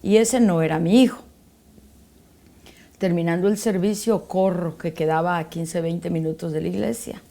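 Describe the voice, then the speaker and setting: A woman's voice: fairly low pitch, steady tone, normal speed, vocal fry, warm tone. A middle-aged woman giving a personal faith testimony as a guest, telling a story and acting out the dialogue.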